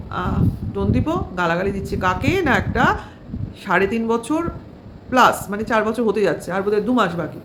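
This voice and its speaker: A woman's voice: medium pitch, a little hiss or hum. A woman vlogger giving casual, sarcastic commentary on another channel, full of fillers and rhetorical questions.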